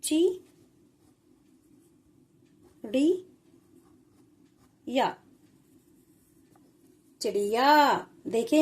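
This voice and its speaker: A woman's voice: sits high, darkish tone. A woman teaching children a spelling lesson, patiently spelling out syllables one at a time.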